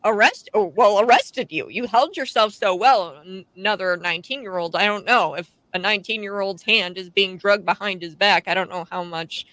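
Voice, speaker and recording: A woman's voice: medium pitch, moderate pace, hardly any pauses, fairly bright tone, no echo, poor audio. A woman in her twenties hosting a radio talk show, chatting casually and laughing between her points. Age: 20s.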